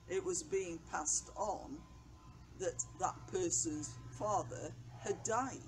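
An older woman vicar reading a daily reflection and prayers from her notes, seated outdoors. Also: fairly low pitch. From England. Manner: slow, measured reading from notes. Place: outdoors by a brick wall on a bench. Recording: noisy outdoor recording.

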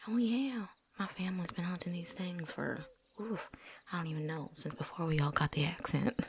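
A woman's voice: lowish voice, slight background noise, close to an everyday voice. A woman voicing a chatty, folksy veteran vampire hunter with a put-on drawl and casual slang, talking around something in her mouth, in a whispered role-play.

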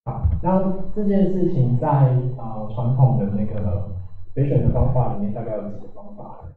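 A man giving a technical talk at a meetup, halting, with many fillers and restarts. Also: mid-range voice, a little hiss or hum. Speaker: meetup speaker. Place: meetup room. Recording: echoey room, far from mic, tinny.

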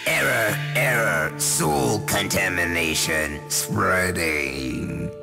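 A man voicing a malfunctioning machine vault in a video game, with a glitching robot voice that speaks slowly and haltingly. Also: low-pitched, creaky, over loud music, full character voice. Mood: alarmed. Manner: slow, halting, repeating error warnings.

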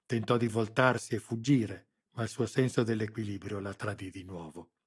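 A man narrating an audiobook in a steady, measured reading. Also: lowish voice, slightly rough. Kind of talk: scripted narration.

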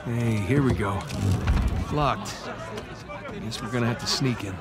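A man's voice: mid-range voice, a little slow, natural voice. Wry American adventurer played by a man. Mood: wry, casual. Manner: wry, casual, bantering. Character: wry, easygoing American adventurer man, sarcastic treasure hunter. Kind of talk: naturalistic video game acting. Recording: game music behind the voice.

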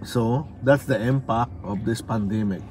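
A man's voice: mid-range voice, a little slow, a little mellow, a little hiss or hum. A middle-aged man from the Philippines with a Filipino accent, chatting casually and patiently prompting a child to repeat phrases. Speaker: father and vlog host. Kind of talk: casual family vlog chat. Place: inside a car at a drive-through.

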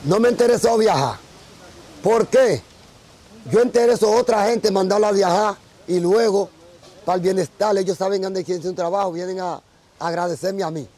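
A man with a Dominican accent speaks earnestly, telling stories as a Vodou priest. His voice sits high and mellow. He is interviewed outdoors beside a tree. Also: a little fast. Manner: earnest storytelling. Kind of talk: casual interview.

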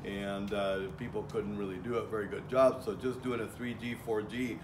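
In a lowish voice at a moderate pace, a middle-aged welding teacher lectures casually outside, his intonation fairly even. His plain delivery is peppered with fillers and restarts. A far-off camera picks him up, so the sound is echoey with faint background noise.

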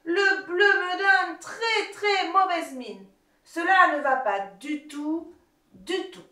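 A woman's voice: extremely high pitch, slow, sharp tone, pitched above the performer's own voice, full character voice. A woman voicing a vain, grumpy male wolf in a children's story, exclaiming in dismay. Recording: roomy, distant, ukulele music behind.

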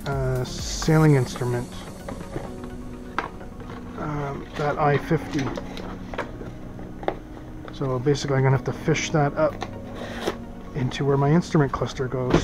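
A middle-aged man casually unboxing boat gear in a small office, thinking aloud with lots of fillers, recorded on a head-mounted camera. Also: on the high side. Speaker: boating vlogger.

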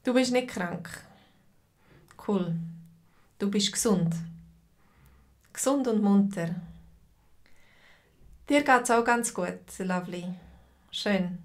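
Lady teacher on a video call, talks real slow and patient, chats with her students by name. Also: medium pitch. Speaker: language teacher. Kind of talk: live online language lesson.

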